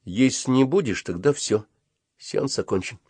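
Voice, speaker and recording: A man reading an audiobook and voicing a smug, calculating schoolboy who drawls quietly and self-importantly. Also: mid-range voice, animated, unhurried, husky, no room sound, clean studio sound. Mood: menacing. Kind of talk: audiobook character voice.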